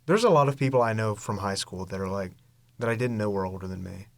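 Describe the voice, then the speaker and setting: A man's voice: on the low side, lively intonation, creaky, no room sound. Joking twenty-year-old male podcast host. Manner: joking, quick-witted. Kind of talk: casual podcast chat.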